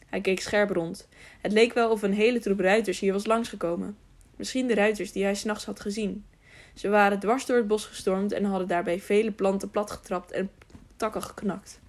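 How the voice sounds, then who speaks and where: A woman narrating an audiobook, stumbling now and then and correcting herself. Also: mid-range voice. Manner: frequent slips and self-corrections. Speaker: audiobook reader. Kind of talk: scripted narration.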